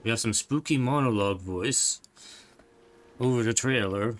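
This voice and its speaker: A man's voice: mid-range voice, normal speed. A man giving rambling, casual commentary while playing a video game. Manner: rambling, chatty, trails off mid-thought. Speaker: gameplay streamer.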